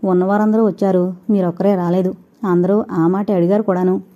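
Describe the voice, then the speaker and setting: A woman voicing a patient young wife who speaks softly and pleads. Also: medium pitch, level tone, brisk, highs cut off, natural voice. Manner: soft, pleading.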